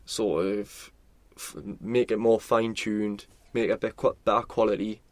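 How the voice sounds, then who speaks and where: A man's voice: fairly low pitch, little pitch movement, moderate pace, a little mellow, no echo. A young man with a Geordie accent, co-hosting a podcast in casual chat, rambling and swearing freely with plenty of fillers. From North East England. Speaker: podcast co-host.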